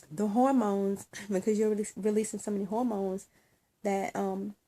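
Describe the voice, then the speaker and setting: A woman talking in a casual personal vlog, emotional and teary, halting with many ums and restarts. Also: mid-range voice, mellow. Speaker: vlogger.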